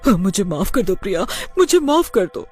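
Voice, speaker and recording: A woman's voice: mid-range voice, very animated, moderate pace, darkish tone, breathy edge, soft background music. A woman voicing a cruel female schoolteacher, now panicky, who stammers and screams for help. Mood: terrified.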